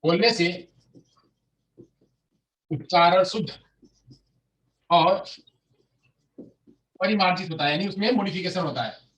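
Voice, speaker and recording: Male teacher, high voice, drills phrases by repetition, recorded a little off-mic. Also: fairly bright tone, roomy sound, far from the mic. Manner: repeats phrases slowly, asks and answers himself. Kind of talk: exam-prep lecture.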